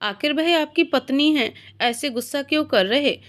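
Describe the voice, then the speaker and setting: A woman voicing a gentle, devoted older housekeeper in a storybook reading, speaking softly and respectfully. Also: high-pitched, lively intonation, normal speed. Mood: gently pleading.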